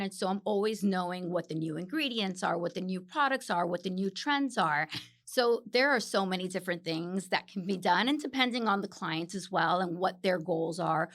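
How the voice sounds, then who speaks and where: A woman from Miami talks as a guest in an interview, explaining treatments eagerly. She often pauses with fillers, and her voice sits at an ordinary middle pitch. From Miami, United States. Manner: enthusiastic, explanatory, frequent "um" fillers. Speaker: guest, facialist and clinical esthetician. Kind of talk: conversational interview answers.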